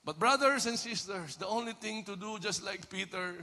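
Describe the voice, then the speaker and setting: A Filipino man preaching a sermon as pastor, swinging from hushed passages to shouted ones. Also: high-pitched, moderate pace. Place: church hall. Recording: long hall reverb.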